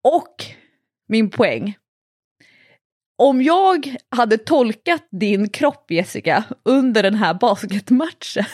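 A woman's voice: on the high side, expressive, a little mellow, no echo. Playful woman, dry close sound. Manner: playful, acts out voices for laughs. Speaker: podcast co-host and coach. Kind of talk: casual chat.

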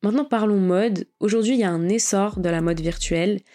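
A woman's voice: medium pitch, a little fast, dark tone. A woman hosting a podcast, talking casually and with slang about digital art. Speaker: podcast host.

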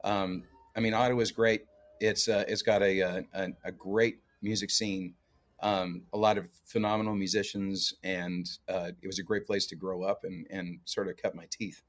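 A man's voice: low voice, level tone, moderate pace. A man who grew up in Canada, a guest musician chatting easygoingly with fillers and frequent laughs. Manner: easygoing, laughs often, many fillers and restarts. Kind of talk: casual interview chat.

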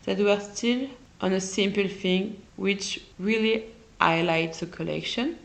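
A woman with a French accent, a native French speaker, hosting a solo podcast and often pausing to search for English words. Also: medium pitch, steady tone, vocal fry, low-quality recording. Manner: halting, searches for English words, self-correcting. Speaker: podcast host. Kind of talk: casual solo podcast talk.

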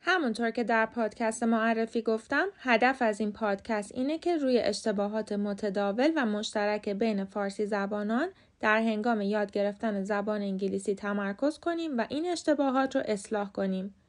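A woman with a Persian accent, hosting a podcast and giving a scripted English lesson with clear, careful enunciation of example words. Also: medium pitch, hardly any pauses. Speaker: podcast host and English teacher.

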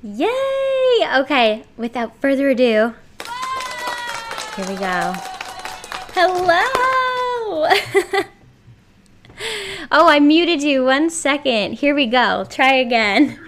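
A woman hosting a casual chat over a video call, bubbly and quick to giggle. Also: high-pitched, noisy background. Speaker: podcast host.

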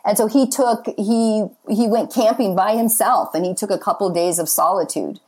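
A woman's voice: medium pitch, moderate pace, a little mellow, breathy edge. A woman in her fifties, a guest talking earnestly and chattily about faith and marriage, with many casual fillers. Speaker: podcast guest.

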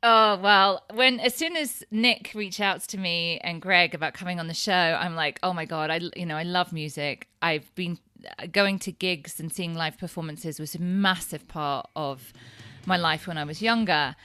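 A woman in her fifties from East Anglia, England, speaks with an English accent as an interview guest and sober coach, chatting casually and effusively. Her lowish voice keeps a moderate pace, with a sharp, clean tone. The recording is dry and studio quality.

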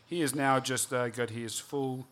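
Man, game master, slow, halting narration, fillers, tabletop game. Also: medium pitch, fairly even intonation, a bit bright. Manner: hesitant, many fillers.

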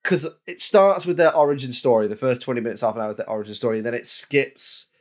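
A man's voice: mid-range voice, lively intonation, quick pace. A man co-hosting a podcast, rambling casually about a film with many restarts. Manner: rambling, restarts, drops into offhand mock voices. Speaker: podcast co-host. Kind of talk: casual film review chat.

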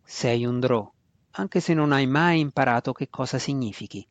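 A man voicing a cruel, proud dark elf matriarch who speaks low, slow and domineering. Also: no room sound, natural voice. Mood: commanding.

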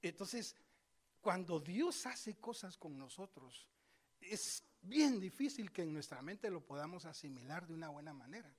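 A male preacher giving a sermon, telling scripture stories with lively asides and speaking straight to his congregation. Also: on the high side, unhurried. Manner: lively storytelling, acts out scripture voices; addresses congregation directly, conversational asides.

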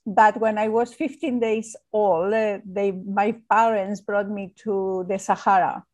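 A Spanish architect with a Spanish accent is a guest in an interview conversation. Her voice is medium-pitched, steady and a little mellow, and she speaks a little slowly. She searches for words and laughs often as she talks.

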